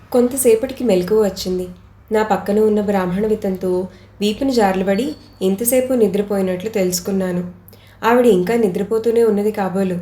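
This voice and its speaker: A woman reads a story aloud with steady, measured first-person narration. Her voice sits at a middle pitch. The reading was recorded in an echoey room.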